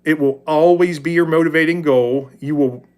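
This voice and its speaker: A man's voice: fairly high pitch, normal speed, a little mellow. Man, 40s, livestream host; candid, rambling faith talk with viewers. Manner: rambling and candid, often restarts and corrects himself.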